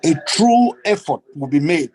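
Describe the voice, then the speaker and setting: A man's voice: fairly high pitch, lively intonation, normal speed, darkish tone, poor audio. A man from Cameroon speaking earnestly on a video call, often repeating his phrases for emphasis. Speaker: guest speaker. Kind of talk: online meeting remarks.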